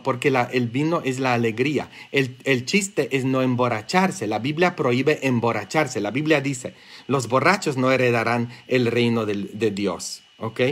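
A priest with a Mexican Spanish accent and a medium-pitched voice preaches a sermon in a joking, conversational style, dropping in quick asides.

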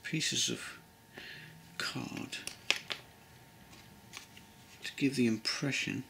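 A middle-aged English man giving a relaxed modelling tutorial at his workbench, thinking aloud with many pauses and ums. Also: medium pitch, gravelly, background noise. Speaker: model railway builder. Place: workbench at home.

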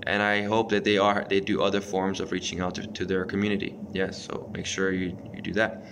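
A man in his thirties delivers an informal, earnest, exhorting sermon to camera from a small bedroom, restarting often and using many fillers. His low voice is flat and a little fast, picked up close by a phone or webcam against a noisy background.

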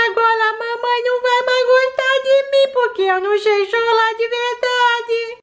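A very high, squeaky baby-girl doll, as a Brazilian woman voices her, sassy and teasing in a homemade toy play video. She sounds jealous and cheeky, with a babyish Brazilian lilt. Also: dull audio. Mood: sulky. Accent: Brazilian Portuguese.

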